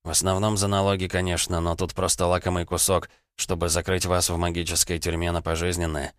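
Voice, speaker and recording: A man's voice: sits low, flat delivery, brisk, no echo, close to an everyday voice. A man voicing a wry, sarcastic young police officer in an audiobook. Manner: dry, sarcastic.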